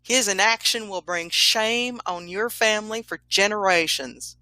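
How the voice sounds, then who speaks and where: A woman voicing a pompous male Confederate ghost who speaks slowly and self-righteously in a comedic audio story. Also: medium pitch, sharp tone, dry recording, pitched above the performer's own voice. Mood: preachy.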